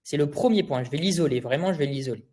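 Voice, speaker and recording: Young male instructor, slightly high voice, chatty live-tutorial delivery full of rhetorical questions. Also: fast, a little mellow. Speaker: design instructor. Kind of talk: live screen-share tutorial.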